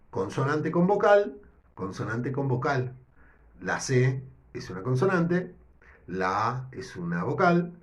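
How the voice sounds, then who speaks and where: A man teaching a lesson with a Rioplatense accent, explaining step by step and often checking in with a quick question. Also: medium pitch. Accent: Rioplatense Spanish. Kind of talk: recorded language lesson. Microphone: no whiteboard, improvising with notes.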